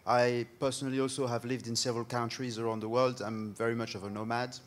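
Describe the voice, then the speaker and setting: A man speaking on a conference panel in an earnest, deliberate way. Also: medium pitch, flat delivery. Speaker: panelist, startup founder.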